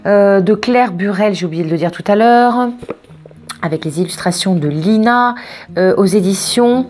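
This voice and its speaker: A woman reading oracle cards and giving spiritual guidance in a casual, expressive way, wandering off into asides and repeating words for emphasis. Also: medium pitch. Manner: expressive, digressive, emphatic repetitions. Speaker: oracle card reader.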